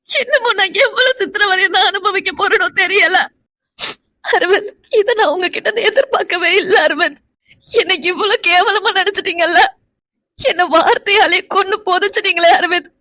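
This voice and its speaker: Woman doing a cartoon young wife, super high thin voice, dry close mic, frets to herself. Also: bright, forceful tone, dry recording. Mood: sobbing. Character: young wife, anxious and heartbroken. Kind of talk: cartoon drama voice acting.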